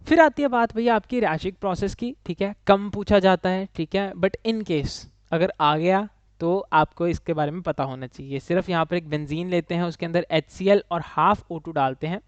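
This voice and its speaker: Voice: mid-range voice, dry recording. A chemistry teacher giving an exam-prep lecture, who answers their own questions and keeps checking in with the class. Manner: asks students questions and answers them itself, ends nearly every line with "ठीक है?"; mixes English phrases into Hindi. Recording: dull, dry lo-fi recording.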